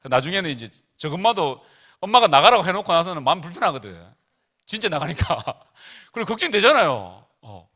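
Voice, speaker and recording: A man's voice: high-pitched, big pitch swings, brisk, sharp tone. A middle-aged man preaching casually to teenagers at a retreat, chatty and joking as he tells family stories.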